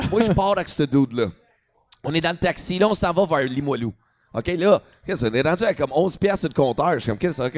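A man comedian with a Quebec French accent telling a story in a casual talk, switching into English and swearing freely. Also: high voice.

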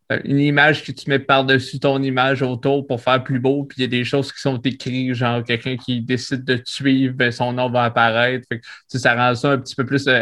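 A man hosting an interview, relaxed and explaining terms for the audience. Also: mid-range voice. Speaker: host. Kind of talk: casual interview chat.

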